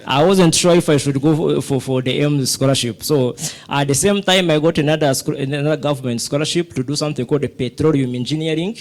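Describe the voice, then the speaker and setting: A man's voice: a little high, fast talker, few pauses. A middle-aged man from Rwanda speaking as a physicist on a panel, telling his story with many restarts and fillers. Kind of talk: panel talk, personal story.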